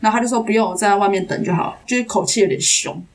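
A young Taiwanese woman, an actress guest on a podcast, telling a story in a casual, animated way and acting out the dialogue. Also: mid-range voice, very fast. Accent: Taiwanese Mandarin. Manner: animated, acts out quoted dialogue.

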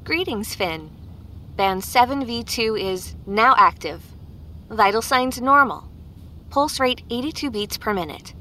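A woman voicing a gentle, polite female wellness AI assistant that speaks in a formal, measured, courteous way. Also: on the high side, expressive, a little hiss or hum. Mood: calm, courteous.

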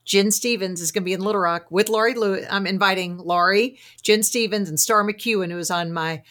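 A woman's voice: medium pitch, fairly quick, a bit bright. A woman with a Southern accent from Arkansas, hosting a casual interview in a chatty, effusive, anecdotal way. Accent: Arkansas, American South. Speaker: podcast host, fasting coach.

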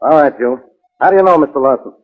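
A male actor playing a gruff, bossy, impatient police inspector who barks curt orders in a 1940s radio drama. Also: fairly high pitch, quick pace, natural voice. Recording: dull, lo-fi 1940s radio recording.

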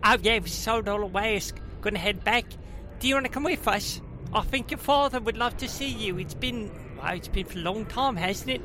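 Man doing a high, pixie-like little gnome fellow. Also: brisk, background noise, natural voice. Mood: chirpy, friendly. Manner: folksy, teasing dialect. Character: cheery small male gnome cousin, teasing country bumpkin.

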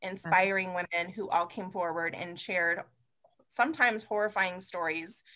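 A woman guest on an interview podcast, telling lively stories, swearing freely and laughing often. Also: fairly low pitch, a little slow, a little hiss or hum. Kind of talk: casual interview chat.

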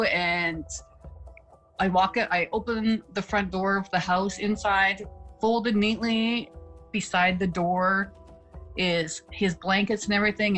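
A woman's voice: medium pitch, fairly bright tone, low-quality recording. A middle-aged woman with a mid-range voice recounts events in an interview, earnest and direct. She repeats what she and others said. Faint music sits underneath. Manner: earnest, quotes herself and others. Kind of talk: emotional interview storytelling.

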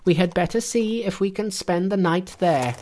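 A man doing a high, cheeky monkey sage. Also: moderate pace, background noise, close to an everyday voice. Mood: urging. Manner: high, bold, teasing. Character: cheeky boastful male monkey sage, ageless.

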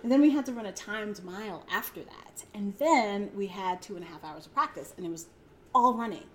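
A woman's voice: medium pitch, expressive, a little fast. Laughing woman in her forties, chatty. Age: 40s. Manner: rambling, laughs often, many fillers. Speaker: podcast guest. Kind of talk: casual interview chat.

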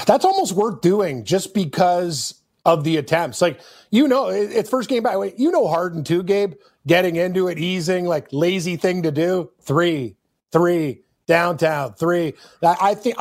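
A man with a high, husky voice co-hosting a sports betting podcast. He chimes in eagerly and agrees readily, laughing often as he talks. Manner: agreeable, excitable, quick to laugh. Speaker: podcast co-host. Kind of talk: casual sports betting chat.

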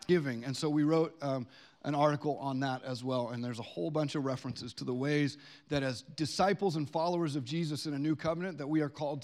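High-voiced chatty male pastor. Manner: chatty and informal, with quick asides. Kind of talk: church announcements to a congregation. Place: church service before a live congregation.

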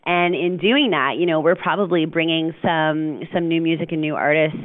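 A woman with a low-pitched, dry voice speaks over a tinny phone line. She talks as a radio program director, chatty and enthusiastic. She fills her answers with plenty of "you know" and "um.". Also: fairly even intonation, normal speed, dry recording. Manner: enthusiastic, chatty, frequent fillers. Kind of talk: interview guest.

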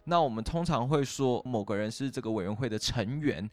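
Lively Taiwanese Mandarin-speaking young man. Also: mid-range voice, dry recording. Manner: chatty, explains slowly step by step with fillers. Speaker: podcast co-host teaching English. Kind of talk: casual chat explaining English grammar.

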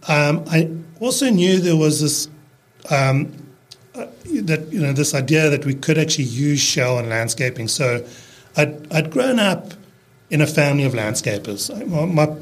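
In a casual conversational interview, a South African man in his early fifties who owns a landscaping business discusses his work at a medium pitch. His accent is fading toward American, and his speech is relaxed but halting, filled with restarts and fillers.

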